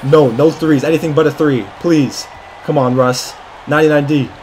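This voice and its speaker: A young man hosting a gaming channel, giving excitable live commentary on his own play, swearing and yelling at the game. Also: fairly high pitch, normal speed, slight background noise.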